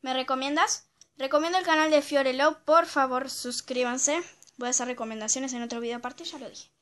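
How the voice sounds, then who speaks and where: Reading viewer dares aloud, this female channel host talks in a high-pitched, fairly quick voice. Her casual chat is lively and full of giggles, and it was recorded on a phone.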